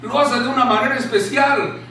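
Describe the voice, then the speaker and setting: A man preaching a sermon in a small church room, impassioned, dropping to a hushed tone when he quotes scripture. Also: very high-pitched, steady tone, fairly quick. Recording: very echoey room, distant mic, faint hiss.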